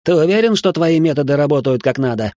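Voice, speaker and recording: A man's voice: a little high, lively intonation, fast, a little mellow, no echo, studio quality, pitched above the performer's own voice, close to an everyday voice. A man voicing a hot-tempered, arrogant young male heir in an audiobook, barking his questions angrily. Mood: angry, barking. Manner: angry barking.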